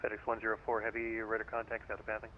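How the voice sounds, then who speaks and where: A man working as an air traffic controller, giving rapid, clipped instructions in radio phraseology. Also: lowish voice, monotone, phone-quality sound.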